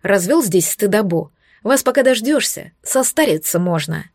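A woman's voice: mid-range voice, animated, moderate pace, a little mellow, dry recording, studio quality. A woman doing a mocking, bossy brother. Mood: teasing. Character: teasing, snorting young adult brother.

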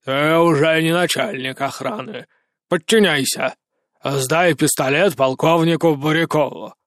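A man putting on a slow, gruff president. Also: a bit bright, no room sound, studio quality. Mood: commanding. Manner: slow, low, commanding drawl.

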